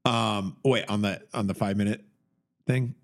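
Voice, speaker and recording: A man's voice: fairly low pitch, steady tone, unhurried, creaky. A man co-hosting a sports podcast, chatting casually and cracking jokes. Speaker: podcast co-host.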